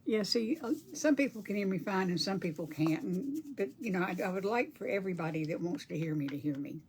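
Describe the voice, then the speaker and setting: With lively intonation and a slightly fast pace, an older woman's medium-pitched, soft voice fills a casual crafting livestream while she paints, murmuring to herself and reading viewer comments. A little hiss or hum sits under the recording.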